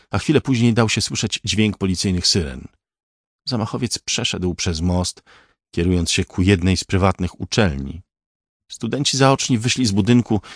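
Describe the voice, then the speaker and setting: A man reading a crime thriller aloud as an audiobook narrator, in a measured, even way. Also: fairly low pitch, no room sound, clean studio sound.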